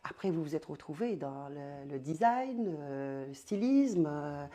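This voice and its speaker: A woman interviewing a guest, asking questions haltingly with many fillers. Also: low-pitched, expressive, mellow. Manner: hesitant, many fillers, friendly.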